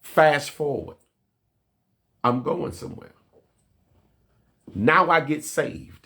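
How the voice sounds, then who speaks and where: A man's voice: fairly high pitch, big pitch swings, takes it slowly, gravelly, bright, forceful tone. A male pastor preaching a livestreamed sermon, talking in street slang and repeating phrases as he builds his points from his own life. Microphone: livestream mic.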